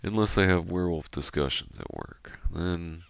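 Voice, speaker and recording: In a dry recording, a streamer murmurs soft-spoken, self-deprecating gameplay commentary late at night so as not to be loud. He has a deep, smooth, creaky voice and rambles at a moderate pace.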